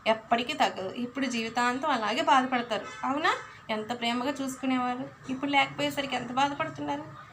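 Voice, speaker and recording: Young female teacher, high bright voice, coaxing, keeps checking in with the kids. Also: a little hiss or hum. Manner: coaxing, keeps asking the class questions. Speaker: school teacher. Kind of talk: storytelling lesson to young pupils.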